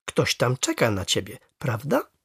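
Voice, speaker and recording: Soft-spoken old granddad from a storybook, measured and dry-sounding, put on by the reader. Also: wildly swooping pitch, gravelly, breathy edge, no echo, full character voice. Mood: gently stern. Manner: quiet, low, measured. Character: calm, wise old grandfather.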